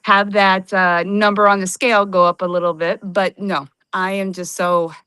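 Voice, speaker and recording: A woman in her fifties telling her personal story on a livestream call, earnest and halting, with many fillers. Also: mid-range voice, flat delivery, pushed and bright, clean tone, dry recording. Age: 50s. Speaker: testimonial guest. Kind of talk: casual personal testimony on a livestream.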